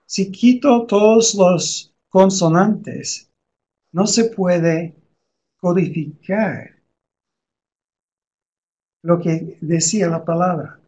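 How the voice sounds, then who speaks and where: Slow, high-voiced man teaching a lesson. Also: a little mellow. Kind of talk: explanatory lesson on teaching reading.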